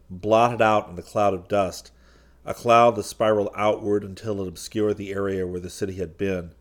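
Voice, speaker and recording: Give me a man with a low voice narrating an audiobook, steady and measured.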